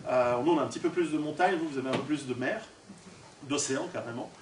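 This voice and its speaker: Recorded from far off in an echoey, noisy indoor hall, a fast-talking Swiss author and guest lecturer with a mid-range voice addresses an audience without a microphone of his own. His talk is casual and jokey, and he throws questions out to the room while projecting his voice, captured only by a distant camera or recorder.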